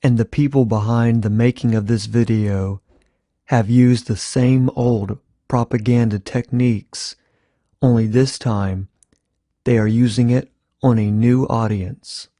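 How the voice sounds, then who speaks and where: A man reading a scripted voice-over in a measured, deliberate way. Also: mid-range voice, steady tone, dark tone, no room sound, clean studio sound. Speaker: narrator.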